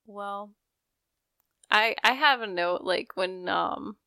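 A woman in her thirties co-hosts a podcast in casual chat, speaking hesitantly and often trailing off with "like" and "I don't know." Her mid-range voice is slow, with a sharp, clear, resonant tone. The recording is dry and studio quality.

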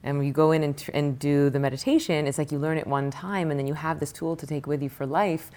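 A woman meditation teacher and author answering interview questions, rattling off lists of questions in an animated way. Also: deep voice, fast.

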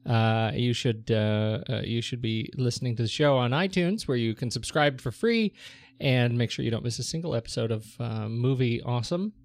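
A man's voice: mid-range voice, normal speed, no echo. A man hosting a podcast in casual chat, rambling and hesitant as he goes. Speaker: podcast host.

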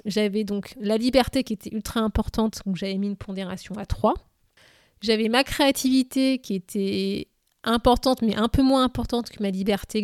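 A woman's voice: mid-range voice, a little mellow, no echo, clean studio sound. A woman hosting a solo podcast, walking the listener step by step through a self-coaching exercise in a methodical way, with fillers along the way. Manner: methodical, addresses listener informally, frequent fillers. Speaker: podcast host.

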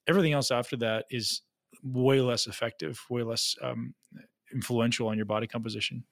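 A man's voice: mid-range voice, fairly bright tone, no room sound. A man hosting a podcast interview in a conversational way. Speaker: podcast host.

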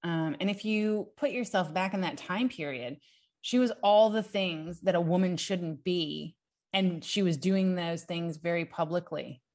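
A young adult woman, a podcast co-host, excitedly recounting history from notes in a casual chat, prone to giggles. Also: fairly low pitch, measured pace.

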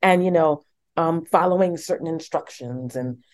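A woman's voice: deep voice, normal speed, a little mellow. A woman from New York with a faint New York accent, interviewing a guest in casual conversation. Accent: New York, switched off.

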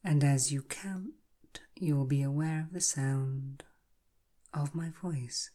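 A woman guiding a hypnotic relaxation in a soft, breathy, half-whispered voice, slow and soothing like a calming countdown. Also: low-pitched. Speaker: hypnotherapy guide. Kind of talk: guided hypnosis relaxation, scripted narration.

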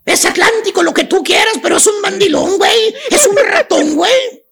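A Mexican woman telling comic stories on a radio show, rowdy and slangy, often laughing and shouting. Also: extremely high pitch, expressive, moderate pace, gravelly. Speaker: radio comedy host.

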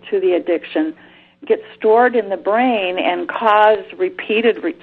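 A woman, a guest expert on a radio call-in show, explains treatment over a clipped phone line, pausing often with ums and restarts. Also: medium pitch.

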